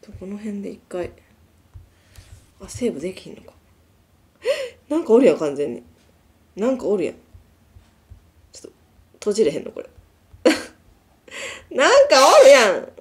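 A woman's voice: mid-range voice, animated, normal speed, pauses often, dark tone. A young woman with a Kansai accent doing casual horror game commentary, reading on-screen text aloud and talking to herself. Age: young adult. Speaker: gaming show host.

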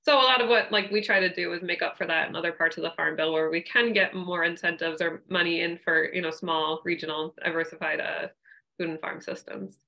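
A young woman on a video call explaining farm policy, talking in a halting way with many fillers and restarts. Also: fairly low pitch, steady tone, sharp tone, poor audio. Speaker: regional policy staff. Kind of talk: panel discussion. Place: home room.

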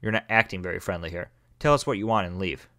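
A man reading the lines of a brisk, impatient young woman gym leader in a game let's play. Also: deep voice, sharp tone, no room sound, studio quality.

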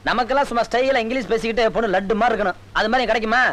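A brash village bachelor who talks fast in a high voice, boasting and scolding. It is a film comedy scene with quick, bossy dialogue. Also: male voice, fairly bright tone.

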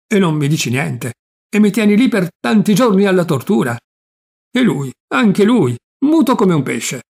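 A man reading aloud and voicing a gruff, irritable old uncle who blusters and shouts in bursts. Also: on the high side, big pitch swings, moderate pace, heavily acted. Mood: irritated.

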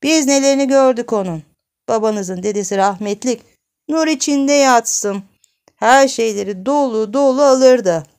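A woman voicing a hard-of-hearing eighty-year-old great-grandmother who scolds and grumbles in a high, strained voice. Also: measured pace, darkish tone, smooth. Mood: boastful.

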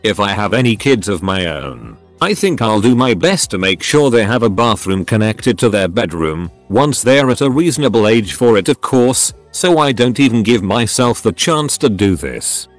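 A man narrating a string of online stories in a steady read-aloud manner, as a voice-over. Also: on the low side, moderate pace, few pauses, soft background music.

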